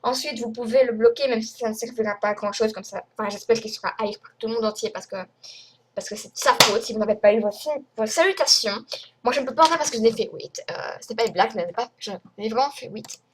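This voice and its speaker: Background noise surrounds a young French vlogger as she rants fast and indignantly to her viewers. Her slightly high voice wanders through a rambling, filler-heavy monologue in a casual screen recording.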